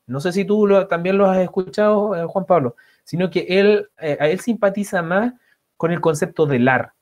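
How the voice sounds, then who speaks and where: A man co-hosting a literary discussion, pausing often with fillers and restarts. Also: on the high side, a little mellow. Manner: hesitant, many fillers and restarts. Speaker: co-host.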